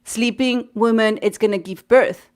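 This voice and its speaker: Eager woman host, slightly high voice. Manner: eager, quick, restarting phrases.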